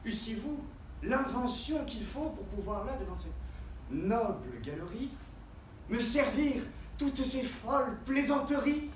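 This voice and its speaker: A roomy, distant recording carries a proud, mocking swordsman-poet. The delivery is hammy and declamatory classical theatre verse, high in pitch and wildly swinging from hushed asides to booming cries. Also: animated, a little slow. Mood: scornful pride. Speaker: stage actor. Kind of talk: theatrical verse monologue, French classical stage acting. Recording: roomy, distant mic, faint background noise.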